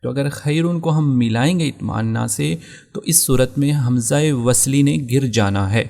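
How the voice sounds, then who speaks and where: In a patient lesson on Quranic recitation, a male teacher with a Pakistani Urdu accent works through the rules step by step. His voice sits at mid pitch, creaky and gravelly yet a little mellow. Each rule gets reviewed again, and he takes his examples slowly.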